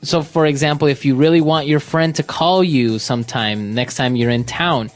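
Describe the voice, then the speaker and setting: A man's voice: fairly high pitch, normal speed. A man from Ecuador co-hosting an English lesson podcast, talking in a friendly, conversational way. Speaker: English teacher co-host.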